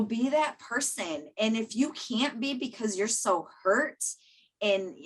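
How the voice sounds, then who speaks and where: A woman's voice: medium pitch, poor audio. A woman in her thirties co-hosting a podcast, talking earnestly and repeating phrases for emphasis in a casual chat. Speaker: podcast co-host.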